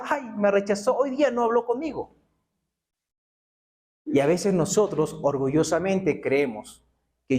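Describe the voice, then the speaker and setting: A man's voice: high voice, darkish tone. A male pastor preaching a sermon, asking rhetorical questions and answering them himself.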